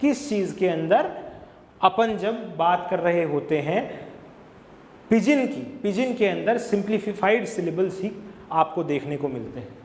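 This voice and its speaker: High-voiced man with a Hindi accent teaching. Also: lively intonation, a little mellow, roomy sound, in a large hall, a little hiss or hum. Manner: explains slowly, asks and answers his own questions. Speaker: English exam tutor. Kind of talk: classroom-style lecture.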